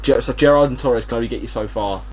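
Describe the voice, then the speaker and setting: A man with a medium-pitched voice hosts a casual football podcast, speaking quickly as he thinks aloud in a hesitant, jokey way. The recording carries a hum and steady background noise.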